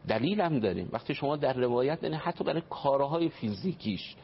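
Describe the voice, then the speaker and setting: A family counselor appears as a guest on the radio, giving an earnest religious talk on family life and explaining and quoting traditions. His medium-pitched voice is slightly rough with lively intonation, carried over a dull broadcast with faint noise.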